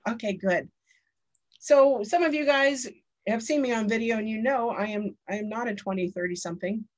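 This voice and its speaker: A woman's voice: on the high side, moderate pace. A woman in her fifties hosting a podcast, chatting casually and telling personal stories. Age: 50s. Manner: chatty and storytelling. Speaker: podcast host.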